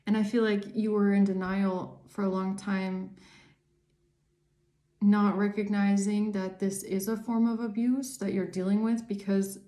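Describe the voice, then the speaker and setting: A woman's voice: mid-range voice, flat delivery, unhurried, warm tone. A woman giving a casual tarot reading to camera, talking earnestly and rambling, often repeating words for emphasis. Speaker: tarot reader and psychic channeller. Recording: roomy echo.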